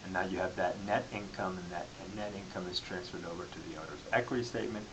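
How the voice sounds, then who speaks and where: Male lecturer, lowish voice, explanatory delivery with repeated phrases, hissy recording. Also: fast. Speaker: accounting lecturer. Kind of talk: classroom-style lecture. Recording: clearly audible background hiss.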